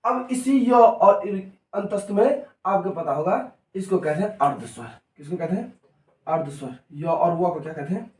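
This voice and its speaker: A man's voice: a little high, moderate pace, a little mellow. A man teaching a lesson in a coaching class, asking questions and repeating each answer in a call-and-response drill. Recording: echoey room, mic far off.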